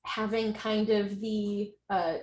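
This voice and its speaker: A woman's voice: medium pitch, flat delivery, takes it slowly, darkish tone, echoey room, poor audio. A woman author answering questions at an online book launch. She speaks casually and hesitantly, with many ums and self-corrections. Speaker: author being interviewed.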